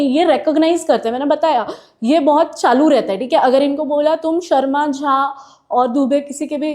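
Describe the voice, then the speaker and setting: Female biology teacher, high mellow voice, relaxed explaining, Indian English accent on technical terms. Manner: explains with homely examples, calls students "beta"; mixes English terms into Hindi, frequent "theek hai". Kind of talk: classroom lecture.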